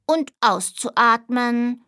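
A woman doing a sulky little boy dormouse, slow drawl, slightly raised voice, storybook reading, dry sound. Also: on the high side, expressive, pushed and bright, no echo, full character voice. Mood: bored drawl. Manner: slow, drawn-out bored speech. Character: small bored male dormouse, sulky and drawling.

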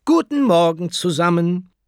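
A man voicing a brisk, friendly woman teacher in a children's audiobook, projecting like in a classroom. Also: high-pitched, animated, darkish tone, dry recording, studio quality, pitched above the performer's own voice.

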